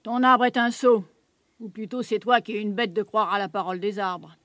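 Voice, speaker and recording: A man's voice: sits high, flat delivery, moderate pace, a bit bright, dry recording. A man playing a shrewd, secretive old beggar woman in a radio drama, blunt and coaxing. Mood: scornful.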